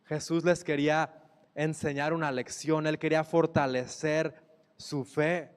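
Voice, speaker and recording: Slow-preaching pastor in a reverberant hall. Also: male voice, fairly high pitch, level tone, smooth. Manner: slow, emphatic preaching with repeated phrases. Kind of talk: sermon.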